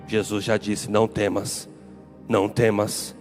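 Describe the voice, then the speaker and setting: Emphatic Brazilian pastor preaching. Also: male voice, fairly low pitch, monotone, measured pace, over music. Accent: Brazilian Portuguese. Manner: emphatic, repetitive preaching with rising declarations. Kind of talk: sermon.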